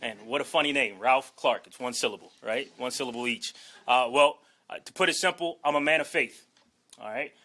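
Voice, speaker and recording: A man's voice: mid-range voice, fairly quick, sharp tone. A man from Washington, D.C., in his forties, a new head football coach giving an earnest, emphatic introductory speech and often tagging lines with "okay?". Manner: emphatic, punctuates with "okay?" and "all right?"; earnest, holding back emotion. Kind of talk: introductory press conference speech.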